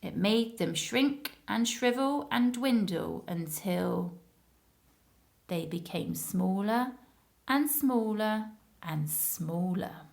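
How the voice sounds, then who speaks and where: A playgroup presenter with a gravelly, medium-pitched voice reads a story and chats with young viewers. She speaks slowly with lively intonation, using simple phrases meant for children.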